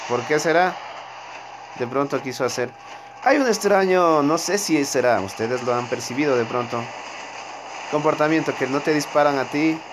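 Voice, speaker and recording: A man's voice: fairly high pitch, expressive, normal speed, background noise. A man giving casual, rambling commentary to his viewers while he plays a game. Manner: chatty, rambling, talks to viewers while playing. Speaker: gaming streamer.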